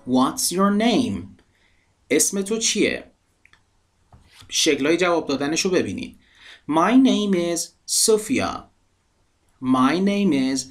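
Man, English teacher, quick explanations, slow clear example sentences, faint music behind. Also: mid-range voice. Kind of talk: language lesson narration.

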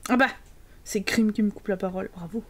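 A woman's voice: mid-range voice, brisk, noisy background. A woman streamer giving live gameplay commentary, chatting with viewers in a teasing, sarcastic way.

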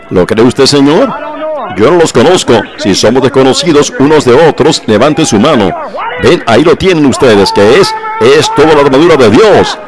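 Fervent male preacher's voice. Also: medium pitch. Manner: fervent, exclaiming praise and addressing listeners directly. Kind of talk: translated sermon voice-over.

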